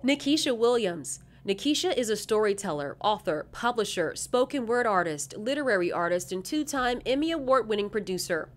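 A woman's voice: mid-range voice, expressive, normal speed, few pauses. A woman co-hosting an arts awards show, announcing nominees and reading their bios. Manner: bright, announcing.

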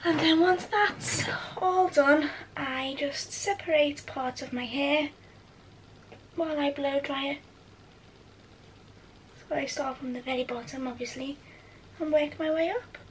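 A woman's voice: high voice, steady tone, a little slow, pauses often, recorded from a distance, slight background noise, low-quality recording. A young woman chatting to camera as she walks viewers through each step of her routine at home. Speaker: beauty vlogger. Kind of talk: casual how-to chat to camera. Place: at home, indoors.

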